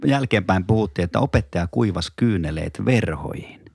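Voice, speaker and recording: A man with a low voice co-hosts a relaxed podcast. He is recorded close and dry. He tells stories with dry, joking humor. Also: creaky, husky, no room sound. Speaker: podcast co-host, class teacher. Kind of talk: casual podcast chat.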